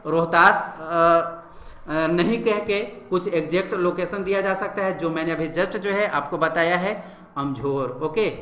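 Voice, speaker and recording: A man with a sore, slightly hoarse throat teaching an exam-prep lecture that walks through quiz answers. He explains in a repetitive, filler-heavy way and often says "okay". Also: high-pitched, pushed and bright, reverberant.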